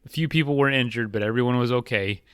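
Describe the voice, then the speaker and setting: Upbeat podcast host, dry close voice. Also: male voice, mid-range voice, quick pace, fairly bright tone, clear, resonant tone, no echo. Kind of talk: podcast intro and interview.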